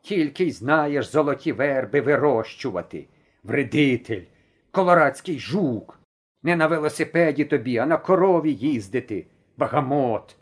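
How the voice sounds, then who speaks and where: A man voicing a grumpy old village grandfather who scolds slowly and gruffly in an audiobook story. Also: mid-range voice, lively intonation, close to an everyday voice. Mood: scolding.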